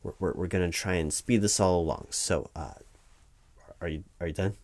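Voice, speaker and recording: With a low, darkish voice at normal speed, a man performs a comedic one-sided interview roleplay as a corporate hiring manager. The character is distracted and evasive, stammering and rambling in an officious way.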